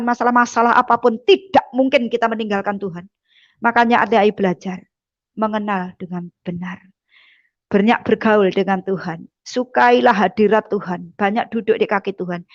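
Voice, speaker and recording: A woman's voice: mid-range voice, no room sound, dull audio. A woman giving a fervent testimony sermon, often dropping her voice on a repeated address to the congregation. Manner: fervent, drops voice on repeated "saudara".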